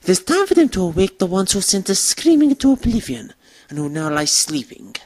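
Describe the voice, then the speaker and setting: A woman voicing a gleeful, fanatical vampire military commander giving a grandiose, theatrical villain speech in a fan dub, with a husky voice. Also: mid-range voice, big pitch swings, brisk, a little mellow. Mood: menacing, rousing. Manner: grandiose, savoring, emphatic oratory. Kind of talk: theatrical dramatic villain monologue, rallying speech.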